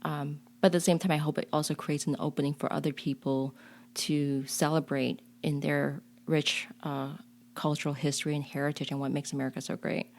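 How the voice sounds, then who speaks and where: Born in a refugee camp on the Cambodia-Thailand border and raised in Chicago, this community leader reflects earnestly as an interview guest, often starting her sentences over. She talks briskly in a low, slightly mellow voice with little pitch movement.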